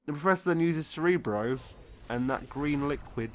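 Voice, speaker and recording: A man's voice: fairly high pitch, moderate pace, a little hiss or hum. A drunk man giving a casual, comedic film review, rambling off script, exasperated and swearing often. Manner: drunk, getting drunker, rambling and losing his thread.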